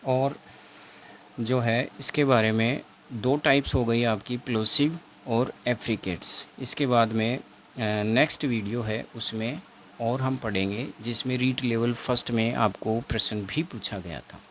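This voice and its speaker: A man teaching phonetics for an exam, slowly repeating each word and quizzing his viewers. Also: medium pitch, fairly even intonation, fairly bright tone, a little hiss or hum. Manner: slow, repeats words over and over, quizzes the viewer. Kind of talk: exam-prep phonetics lesson.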